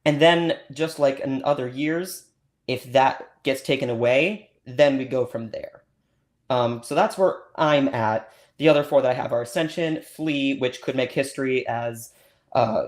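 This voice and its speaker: A man's voice: mid-range voice, lightly acted. A man playing a scatterbrained, over-eager host of an awards-predictions livestream, who rambles and gushes with lots of ums and restarts.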